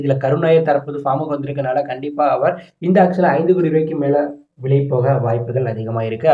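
A man with a Tamil accent and a warm, somewhat high voice narrates a cricket channel voice-over predicting auction outcomes. He steadily lists teams and prices, explaining as he goes. The recording sounds roomy, dull and lo-fi.

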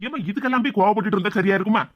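Woman playing a quick-talking soft-hearted husband. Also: mid-range voice, dull audio, lightly acted. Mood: placating. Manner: placating, soothing. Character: mild-mannered young village husband. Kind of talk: cartoon voice acting.

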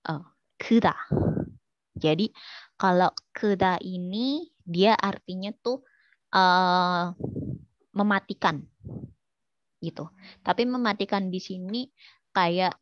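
A woman with a slightly low voice runs an online language class and keeps asking her students questions. Her chatty talk is full of fillers, and the recording sounds dull and lo-fi in a dry space. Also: takes it slowly, long pauses, no echo. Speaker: Korean language teacher.

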